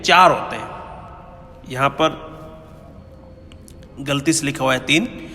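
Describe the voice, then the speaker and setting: A man's voice: fairly high pitch, bright, forceful tone, in a large hall. A man teaching Hindi grammar in a lecture, explaining patiently and often checking in with his students. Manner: explains patiently, keeps asking "है ना?" and "ठीक है?". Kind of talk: classroom-style grammar lecture.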